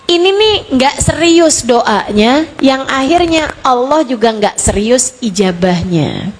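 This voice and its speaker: A woman preacher giving an expressive sermon to women, acting out prayers and children's cries and swinging from soft to loud. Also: sits high, slow. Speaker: Islamic preacher.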